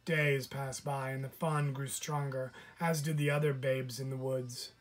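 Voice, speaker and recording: A man, a teacher, reading a children's picture book aloud to his class in a deliberate, unhurried way. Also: mid-range voice, flat delivery. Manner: slow, deliberate storybook reading.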